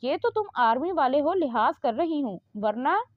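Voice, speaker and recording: A defiant, snappy young woman full of pride, read by a woman narrator. The voice is high and lively, recorded dry and dull. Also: moderate pace, dry recording. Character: feisty proud young woman, quick-tempered.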